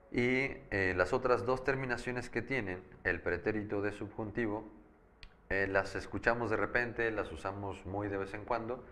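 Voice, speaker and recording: A man teaching a Spanish grammar lesson, patiently explaining and slowing down to spell out each verb form. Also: fairly low pitch, a bit bright, slight background noise. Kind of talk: grammar lecture.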